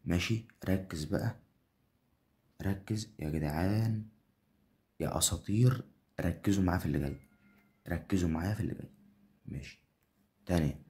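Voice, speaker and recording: A young man with an Egyptian Arabic accent giving hyped commentary on his own betting game, repeating phrases and breaking into excited bursts. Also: sits low, brisk, pauses often. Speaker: betting channel host. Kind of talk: gambling live commentary.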